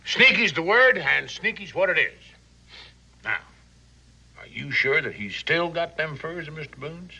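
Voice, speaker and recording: An actor playing a wily, boisterous river pirate captain in a western, with a folksy slow Southern American drawl and theatrical delivery. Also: male voice, fairly high pitch, expressive, vocal fry, pushed and bright, highs cut off, full character voice. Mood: sly, gleeful. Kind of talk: scripted western screen acting.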